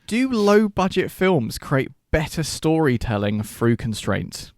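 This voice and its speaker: A man's voice: fairly high pitch, sing-song, takes it slowly, dry recording, clean studio sound. A man hosting a podcast, putting questions to his co-hosts in a playful way. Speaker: podcast host. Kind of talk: casual podcast chat.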